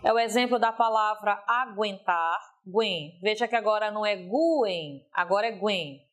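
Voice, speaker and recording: A woman teacher giving a recorded video lesson, stretching example words slowly and checking in with a frequent "ok?". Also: mid-range voice, steady tone, a bit bright, clean tone.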